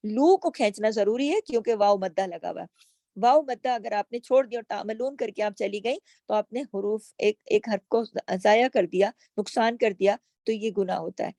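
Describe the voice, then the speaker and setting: A Quran recitation teacher gives a slow tajweed lesson, patiently explaining each letter, reciting words and asking herself questions along the way. Her mid-range voice is warm with vocal fry, at normal speed, and there's no room sound.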